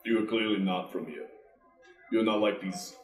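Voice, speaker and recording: A man playing a proud, stern half-orc warrior in a tabletop game, speaking formally, deliberately and with emphasis. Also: on the low side, natural voice. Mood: measured pride. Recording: roomy echo, music behind.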